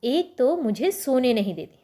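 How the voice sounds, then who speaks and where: A woman teacher voicing an angry lion, king of the jungle, who shouts threats. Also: sits high, expressive, measured pace. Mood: irritated.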